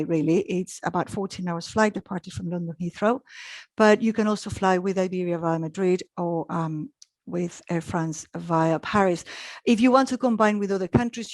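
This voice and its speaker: This fairly low-pitched voice belongs to a middle-aged woman from Chile who presents travel webinars. She talks casually during the live online session, often saying um and starting over, and the recording is dry with no room sound.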